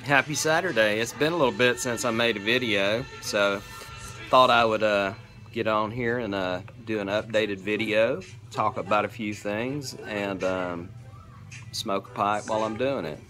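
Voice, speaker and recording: A man's voice: lowish voice, moderate pace, bright, forceful tone. An American man in his fifties chatting casually to camera in a folksy, laid-back way with playful catchphrases, as host and hobby pipe maker. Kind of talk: casual vlog chat. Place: covered porch outdoors. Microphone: camera or phone at arm's length. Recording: faint radio music behind voice. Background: local radio playing music.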